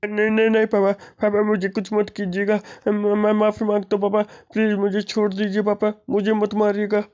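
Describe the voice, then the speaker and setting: A man's voice: sits high, flat delivery, normal speed, a little mellow, highs cut off. A man voicing a greedy, corrupt young police officer who whines and pleads with his father. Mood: pleading. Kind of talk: gameplay story voice-acting.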